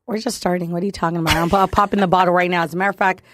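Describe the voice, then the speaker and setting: A woman's voice: lowish voice, fairly even intonation, very fast, fairly bright tone, dry recording, studio quality. A woman co-hosting a casual podcast, loose and joking as she opens the show. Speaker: podcast co-host.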